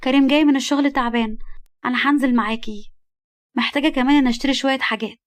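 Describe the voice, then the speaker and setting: Brief: sly young female schemer, voiced by a woman storyteller, Egyptian accent, quick, high and insistent. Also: steady tone, no echo, close to an everyday voice. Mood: pushy. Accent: Egyptian Arabic. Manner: sly, pushy.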